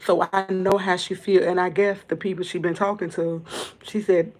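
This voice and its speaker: A woman hosting a livestream, tearful and fighting back crying, talking in a halting, earnest way that keeps repeating itself. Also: on the low side, flat delivery, a little mellow. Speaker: livestream host. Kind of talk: emotional livestream monologue. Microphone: camera.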